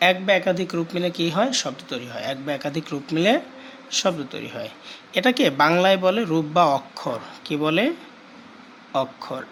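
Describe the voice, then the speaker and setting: A male teacher giving a grammar lesson, repeating key terms slowly and asking questions he answers himself. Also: high-pitched, fairly bright tone, slight background noise, rough recording.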